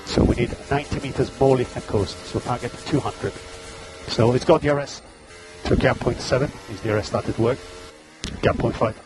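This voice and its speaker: A man's voice: medium pitch, moderate pace, over music, poor audio. A man working as race engineer, giving terse, clipped pit radio calls over a team radio link, repeating gaps and status updates. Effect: team radio transmission.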